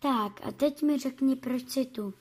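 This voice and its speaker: A woman voicing a gentle, kind female fish in a storybook reading, speaking in a soft, half-whispered way. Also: high-pitched, husky.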